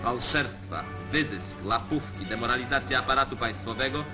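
A man's voice: medium pitch, moderate pace. A man giving formal, declamatory scripted commentary for an old 1940s newsreel. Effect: old 1940s newsreel sound. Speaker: newsreel narrator. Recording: dull lo-fi 1940s newsreel track. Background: music under the voice.

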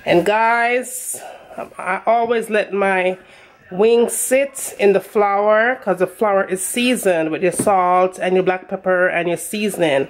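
A woman's voice: mid-range voice, steady tone, slow. A woman with a Jamaican accent narrating a recipe as a home cook, casually instructing viewers directly. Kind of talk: casual cooking tutorial narration.

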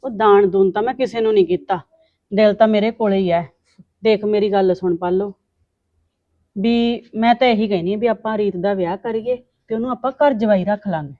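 A woman playing a bossy, fast-talking landowner. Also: mid-range voice, no room sound, narrow, tinny audio, lightly acted. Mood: coaxing. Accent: Punjabi. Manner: bossy, scolding, fast retorts. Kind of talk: Punjabi short-film acting.

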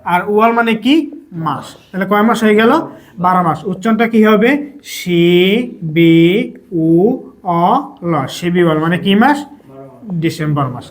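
A man with a notably high-pitched voice leads a classroom-style language lesson. He keeps asking questions and answering them himself, repeating each point patiently, like a teacher at a whiteboard. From Bangladesh.

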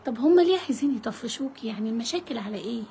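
A woman reporter with an Egyptian Arabic accent, asking brisk, probing questions. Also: fairly high pitch, animated, dark tone, a little hiss or hum. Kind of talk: interview questions.

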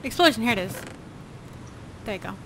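A woman's voice: fairly high pitch, lively intonation, a little fast, a bit bright. A young woman playfully and bluntly chatting while gaming with friends. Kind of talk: casual gaming chat. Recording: noisy background.

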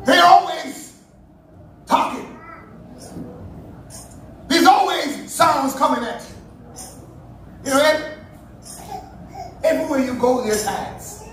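Male preacher, very high voice, fervent sermon with shouted peaks, recorded far off in a booming church hall. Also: slow, long pauses, a little hiss or hum. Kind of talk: Sunday sermon. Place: church sanctuary. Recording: very echoey church hall, heard from afar.

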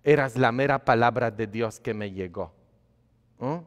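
A man, a priest, preaching a sermon in a conversational way, asking his congregation questions and shifting between quiet asides and loud emphatic lines. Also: medium pitch, measured pace. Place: church. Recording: long hall reverb of a church.

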